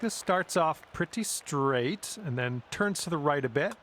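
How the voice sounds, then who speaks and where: A man playing a calm golf commentator in a video game, encouraging the player directly. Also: fairly high pitch, a little slow. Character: friendly adult male golf announcer. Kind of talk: scripted golf play-by-play. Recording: game audio with music and crowd. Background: music and crowd noise.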